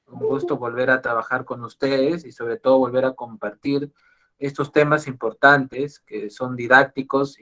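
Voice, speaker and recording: A Peruvian man lecturing as a psychologist in an online class. His voice sits at an average pitch, and he talks straight to his listeners. He keeps circling back and restarting his phrases. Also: a bit bright. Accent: Peruvian Spanish. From Peru. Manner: repetitive, restarts phrases often, addresses audience directly. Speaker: psychologist giving a webinar talk.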